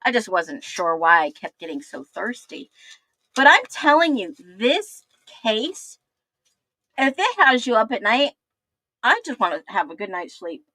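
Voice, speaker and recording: Casting note: emphatic woman in her fifties, crime commentator, bright forceful tone, dry close sound. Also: fairly high pitch, very animated, unhurried, dry recording. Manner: emphatic, repetitive, chatty asides. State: thirsty, getting over the flu. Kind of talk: casual livestream commentary.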